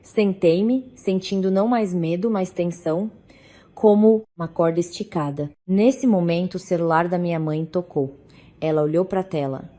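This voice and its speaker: A woman narrating a first-person family drama in a measured, even storytelling manner. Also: fairly low pitch.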